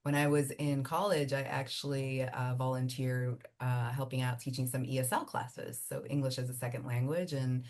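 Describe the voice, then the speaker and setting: A woman from Miami whose first language is Spanish speaks in a low voice. She is an immigration attorney explaining her career in a chatty, animated interview manner, with frequent fillers. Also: normal speed, hardly any pauses. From Miami, United States. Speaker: immigration attorney and law firm founder. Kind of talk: conversational interview answers.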